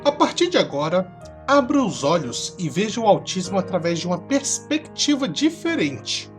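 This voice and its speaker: A woman giving scripted documentary narration in a solemn, measured way. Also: medium pitch, sing-song. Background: music.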